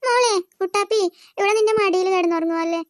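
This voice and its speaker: A performer voicing a gentle young mother in a cartoon, speaking softly and coaxingly to small children. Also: very high voice, quick pace, heavy background noise. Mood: soothing.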